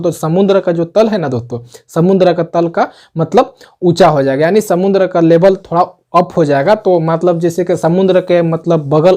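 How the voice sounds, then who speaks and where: A man's voice: fairly high pitch, warm tone. A man teaching an online geography lesson. He repeats each point, asks questions and answers them himself, and keeps saying "okay, friends" between points.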